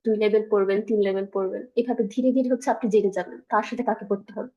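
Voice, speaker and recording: A woman's voice: medium pitch, steady tone, very fast, dark tone, highs cut off. A woman with a Bangladeshi Bengali accent, teaching a beginner Chinese class over a video call and checking often that her student follows. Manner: explains patiently with frequent check-ins. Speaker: language teacher.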